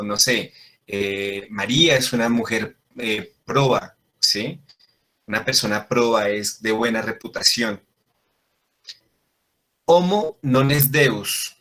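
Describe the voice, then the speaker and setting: Bright-voiced man teaching a class. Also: fairly low pitch. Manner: explanatory, checks in with frequent "¿sí?". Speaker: Latin teacher. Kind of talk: classroom lesson.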